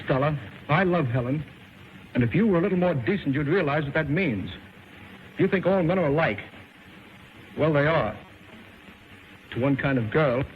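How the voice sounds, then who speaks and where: An actor playing an earnest young man in love, emphatic and stagey like an old movie, on a dull, faintly noisy early film soundtrack. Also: a little high.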